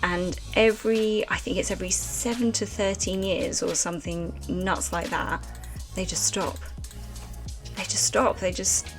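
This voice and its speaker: At a measured pace and with a steady, mid-range voice, a female streamer rambles casually through her live gameplay into a desk microphone. Soft music plays behind her as she chats with her audience, using plenty of fillers in relaxed let's-play style.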